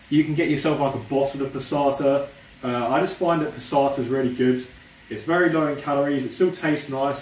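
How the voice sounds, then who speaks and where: A man who pronounces his R's like W's, chatting informally to viewers as he presents a home cooking tutorial. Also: mid-range voice. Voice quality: speech impediment, says w for r. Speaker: home cook presenting a recipe video. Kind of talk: casual cooking tutorial chat. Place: indoors in a kitchen. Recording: roomy, distant mic, faint background noise.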